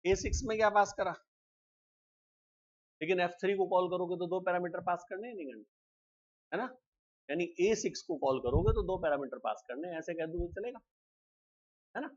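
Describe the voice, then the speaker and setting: A man teaching a live programming class, explaining step by step and often asking students quick check questions. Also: high-pitched, lo-fi sound. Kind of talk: live classroom coding lecture.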